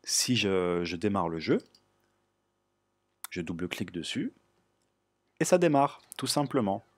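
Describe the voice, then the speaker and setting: A man hosting a computer tutorial, explaining step by step in a relaxed way with frequent filler sounds. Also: low-pitched, measured pace, no echo. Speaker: tutorial host. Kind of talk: screen-recorded tech tutorial.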